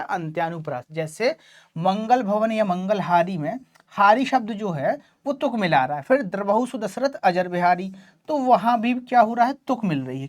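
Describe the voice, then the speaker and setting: Patient Hindi woman teaching a class. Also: mid-range voice. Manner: explains patiently, keeps checking with "ठीक है"; addresses students affectionately as child. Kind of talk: online class lecture.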